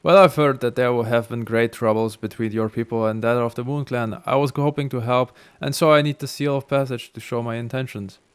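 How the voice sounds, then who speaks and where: A man's voice: mid-range voice, fairly even intonation, fairly quick, hardly any pauses, clean tone, lightly acted. A man reading the lines of a naive, eager adventurer from a video game. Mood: earnest.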